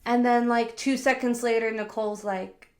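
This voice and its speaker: Stuffed up with a cold, a woman hosting a podcast retells pop culture news casually and gossipily, saying "like" constantly. Her slightly high voice holds a steady tone at a moderate pace.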